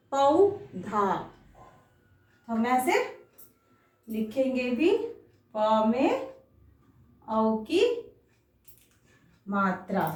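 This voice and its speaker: A woman with a slightly high voice teaches children about Hindi vowel signs, recorded from a distant mic in a roomy space. She's patient, draws syllables out, and asks lots of questions.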